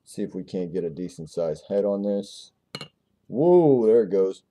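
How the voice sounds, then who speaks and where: A man with a low, very dark and mellow voice reviews a beer on camera in a loose, rambling way. He trips over words and repeats himself as he pours and describes it. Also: fairly even intonation, normal speed. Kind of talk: casual video review.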